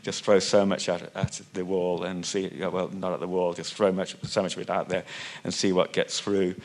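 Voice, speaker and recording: Hesitant deep-voiced man on a panel. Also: level tone, moderate pace, darkish tone. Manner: hesitant, many restarts and fillers, loses thread. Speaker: panelist, music magazine writer. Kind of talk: unscripted panel discussion. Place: conference hall panel.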